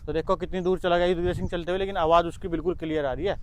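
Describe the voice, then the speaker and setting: Racing along in a high-pitched, steady voice, a tech reviewer vlogger casually demos wireless mics through a clip-on mic. He chats as he handles the gear, explaining each step.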